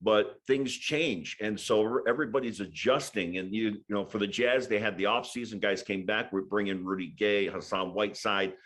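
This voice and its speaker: A man's voice: lowish voice, moderate pace, hardly any pauses, a bit bright. A man from Hawaii, a sports broadcaster, talking as a guest in a casual interview, thoughtful with many fillers.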